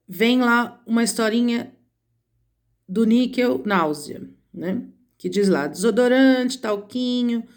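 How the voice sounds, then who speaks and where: A woman's voice: mid-range voice, darkish tone. A woman teacher with a Brazilian Portuguese accent, patiently explaining a lesson to children step by step and counting letters aloud. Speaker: schoolteacher. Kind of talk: recorded remote lesson for children.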